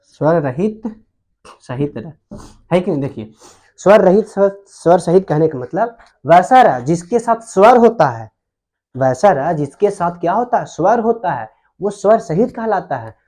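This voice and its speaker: Man, grammar teacher, mellow voice, fairly high, repetitive, quizzing students. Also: lively intonation, a little slow. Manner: repetitive explaining, asks questions to students. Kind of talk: whiteboard grammar lesson.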